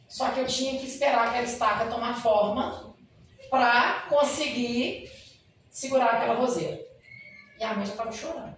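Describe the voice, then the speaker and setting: A man's voice: very high voice, normal speed, fairly bright tone, a little hiss or hum. A man, a dentist, giving a spoken lecture and telling stories, often addressing the audience directly. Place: lecture hall at a spiritist center. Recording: very echoey hall, mic far off.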